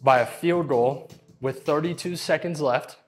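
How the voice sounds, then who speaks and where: A man's voice: a little high, a little slow, soft background music. A man trading jokes and casual talk while working out in a gym. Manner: joking, goofy, deadpan wordplay.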